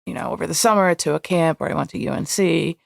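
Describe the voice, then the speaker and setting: Her voice is low and creaky and her pace quick, captured with studio quality and no echo. This young woman, whose first language is Hebrew, speaks openly and reflectively about her past as a podcast guest.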